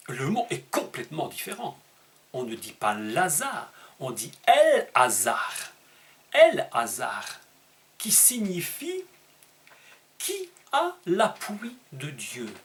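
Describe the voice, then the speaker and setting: A man preaching a sermon, emphatic and teaching, asking rhetorical questions and leaping up in pitch on key words. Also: fairly bright tone. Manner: emphatic teaching tone with dramatic pitch leaps and slowed stressed words.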